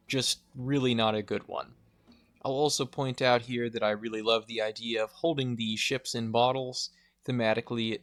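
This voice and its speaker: A man's voice: mid-range voice, fairly bright tone. A young man giving a scripted but conversational narration as a video game essayist. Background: music.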